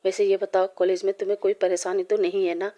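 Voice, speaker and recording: A woman narrator doing a powerful young mafia boss from a spoken storybook, coolly insistent and hard to refuse. The voice is mellow and low in brightness. It stays level, with little rise and fall. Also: flat delivery, quick pace, lightly acted.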